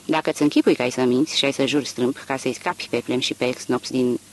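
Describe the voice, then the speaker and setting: A man's voice: mid-range voice, fairly even intonation, slight background noise, lightly acted. Man doing a furious, scornful farm wife. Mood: furious scolding. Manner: cold, furious, contemptuous scolding. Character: angry scornful farm wife, middle-aged woman.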